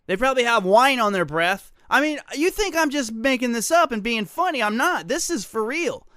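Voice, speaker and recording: A man's voice: extremely high pitch, animated, normal speed, sharp tone, dry recording, studio quality. Sarcastic, ranting male radio host. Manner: sarcastic, ranting, jokey asides. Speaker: radio talk show host. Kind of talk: solo talk radio commentary. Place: radio studio.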